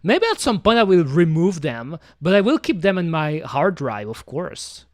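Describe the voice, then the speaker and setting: Rambling male streamer, lively pitch. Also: normal speed, no echo, clean studio sound. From French-speaking. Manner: rambling, self-talking, many fillers and restarts. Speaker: VTuber streamer. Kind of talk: casual stream chat.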